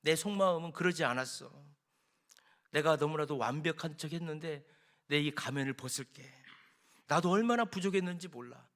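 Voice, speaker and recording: Brief: a contrite dad owning up to his son, told by a male preacher, soft and confessional, high voice. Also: normal speed, close to an everyday voice. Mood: remorseful. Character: remorseful father apologizing to his young son.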